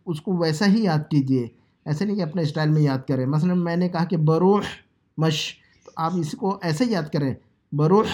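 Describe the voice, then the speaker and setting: A man from South Asia teaching Arabic phrases, explaining in a conversational lesson and repeating words slowly to drill pronunciation. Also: on the high side, a little mellow. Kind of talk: language lesson, Urdu explanation.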